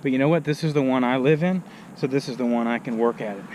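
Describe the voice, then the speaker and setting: A man's voice: medium pitch, fast talker, noisy background. A man, a pastor, giving a casual talk outdoors into a handheld phone while he climbs a hill, short of breath. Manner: out of breath from walking uphill. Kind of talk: casual vlog message while walking.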